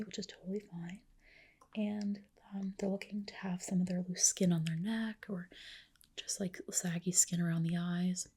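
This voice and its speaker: In an ASMR roleplay, a woman plays a spa clinician, whispering gently and reassuringly in a breathy, mid-range voice.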